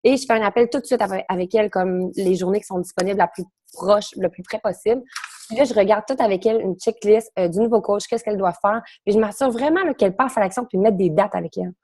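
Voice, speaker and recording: A woman's voice: mid-range voice, a little mellow. A young woman with a Quebec French accent, a coach sharing her experience in a casual round-table talk, rambling and correcting herself, with something in her throat. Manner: fast, rambling, self-correcting.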